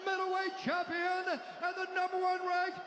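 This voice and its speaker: A man working as a ring announcer, delivering booming fight introductions with drawn-out, shouted names. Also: monotone. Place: large indoor arena. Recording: echoey arena with loud crowd noise.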